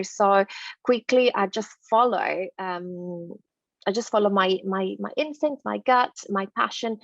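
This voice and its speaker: A dentist from northern Italy, speaking with an Italian accent, runs an online masterclass on a video call in a chatty manner full of fillers and restarts. Her medium-pitched voice is creaky, and the audio is dull with no echo.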